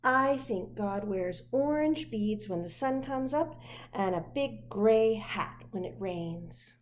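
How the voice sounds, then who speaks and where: Reading a children's picture book aloud, a woman voices a curious, earnest little girl brimming with questions, full of inquisitive, childlike wonder. Her mid-range voice has lively intonation and moves slowly, with a little background noise. She sounds curious and wondering.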